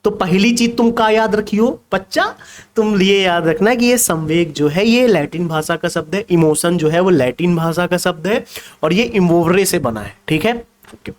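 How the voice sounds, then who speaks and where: A young man teaching an online exam revision class, lively and teasing, checking often whether the students follow. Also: high-pitched, normal speed. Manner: lively, teasing, mixes Hindi with English terms, asks students questions. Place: indoors with a laptop.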